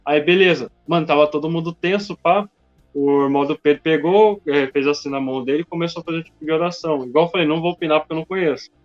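A man from Brazil tells a story fast, his voice sitting a little high and stuffed with slang fillers. The sound is dull and lo-fi, with faint music under it. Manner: slangy, peppers speech with "mano" and "tá ligado". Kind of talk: casual chat.

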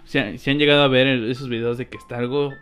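A man's voice: mid-range voice, steady tone, fairly bright tone, clean tone, soft background music. Chatty Mexican man co-hosting. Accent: Mexican Spanish. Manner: chatty, quick agreeing interjections. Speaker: co-host. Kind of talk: casual podcast chat.

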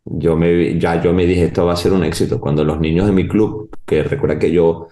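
Deep-voiced man telling stories. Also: brisk, roomy sound. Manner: animated storyteller, voices others in quotes. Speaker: footballer guest. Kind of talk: casual podcast interview.

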